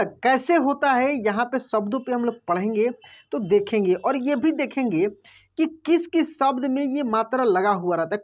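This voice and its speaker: A man teaching a Hindi lesson online, patiently explaining and slowly drawing out each word before repeating it. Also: extremely high pitch. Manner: addresses viewers as friends, patient and explanatory. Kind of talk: online lesson, reading words aloud.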